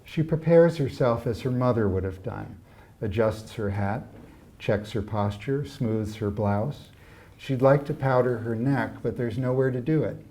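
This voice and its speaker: A man reading from his own novel at a live literary evening, in a measured and expressive storytelling manner. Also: medium pitch.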